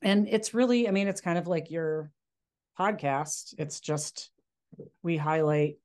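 Woman magazine guest, slightly low voice, relaxed and rambling. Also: a little slow. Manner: rambling, many fillers and restarts. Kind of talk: casual interview chat.

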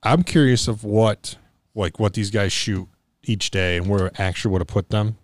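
A man's voice: on the low side, moderate pace. A man co-hosting a casual sports chat, blunt and opinionated. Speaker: podcast co-host.

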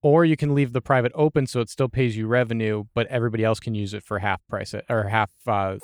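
A man in a casual board game discussion, wry and hedging, his sentences often trailing off softly. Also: mid-range voice, steady tone, fast talker, dry recording, studio quality.

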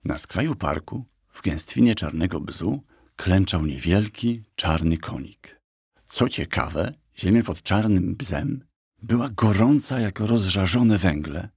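A man narrating a children's audiobook calmly and evenly into a close studio mic. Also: sits low, takes it slowly, slightly rough, no room sound.

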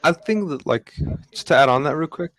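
A man's voice: fairly high pitch, brisk, low-quality recording. A young man co-hosting a podcast, telling a casual story full of fillers. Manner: storytelling, animated with lots of fillers. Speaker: podcast co-host. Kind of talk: casual chat.

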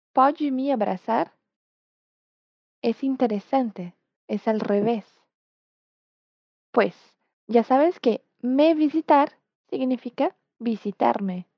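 Slow, patient woman teacher. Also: on the high side, no room sound. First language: Portuguese. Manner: patient, models words slowly for the learner to repeat. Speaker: Portuguese teacher. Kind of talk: language lesson. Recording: dull, dry, lo-fi sound.

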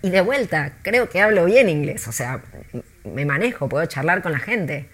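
Low-voiced Argentine woman telling stories. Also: normal speed, slightly rough. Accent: Argentine Spanish. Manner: chatty, animated storytelling with restarts. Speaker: tour guide in London.

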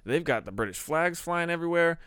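Clear, dry-voiced male podcast host. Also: on the high side, a little fast, dry recording. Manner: animated, profane storytelling. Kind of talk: casual crude chat.

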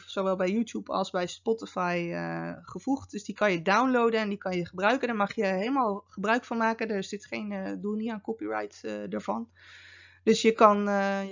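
Speaking at a medium pitch, this security officer hosts a podcast and talks through security subjects in a relaxed, conversational way, sprinkling in fillers and dry remarks. The recording has its high frequencies cut off.

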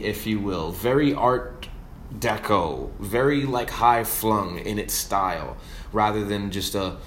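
A man's voice: on the low side, a little hiss or hum. A man from New York hosting his own podcast, rambling casually and profanely about songwriting, trailing off with fillers. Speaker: podcast host streaming with a guitar. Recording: roomy echo with guitar playing. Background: acoustic guitar.

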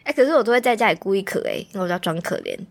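A woman's voice: medium pitch, huge pitch swings, very fast, gravelly. A woman, co-hosting a podcast in casual chat, still phlegmy after losing her voice, playful and teasing. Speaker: podcast co-host.

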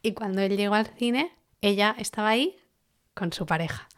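A woman from co-hosting a casual podcast, spinning a listener's story with lively, joking slang. Her voice sits at an ordinary middle pitch for a woman. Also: normal speed. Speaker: podcast co-host.

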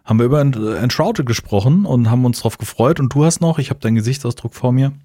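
A man's voice: medium pitch, animated, fast talker, warm tone, dry recording, clean studio sound. A man co-hosting a casual podcast, telling stories and often asking whether his partner follows. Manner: chatty storyteller, keeps asking "weißt du?". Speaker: podcast co-host. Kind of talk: casual chat.

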